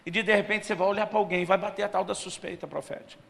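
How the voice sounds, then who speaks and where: Brazilian male preacher, bright and higher-pitched, animated storytelling sermon, reverb of a church hall. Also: rapid-fire, gravelly. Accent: Brazilian Portuguese. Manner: lively storyteller, acts out dialogue, addresses listeners as brothers.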